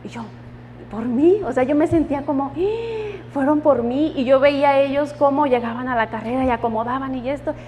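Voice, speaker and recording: High-voiced woman giving church testimony. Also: a little fast, warm tone, in a large hall, slight background noise. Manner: emotional, laughing often, quoting God and friends.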